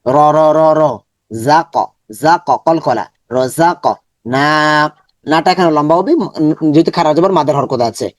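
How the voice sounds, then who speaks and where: A man teaching Quran reading step by step, slowly breaking words into syllables, repeating each many times, and chanting the full words in drawn-out recitation. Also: on the high side, no room sound, studio quality.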